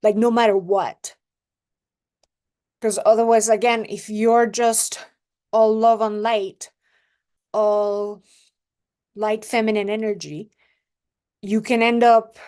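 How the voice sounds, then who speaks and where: A young adult woman from Mexico, a relationship coach, gives advice in a casual monologue to camera. Her medium-pitched voice is steady and a little mellow. She speaks unhurriedly and reflectively, often checking in with the listener.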